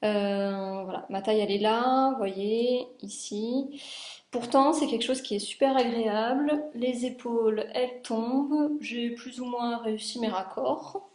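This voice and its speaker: A young woman from France talks through her homemade clothes in a relaxed, rambling vlog. Her voice sits a little high, and she fills pauses often as she points out the details. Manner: chatty, many fillers, shows garments. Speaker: sewing vlogger. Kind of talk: casual chat.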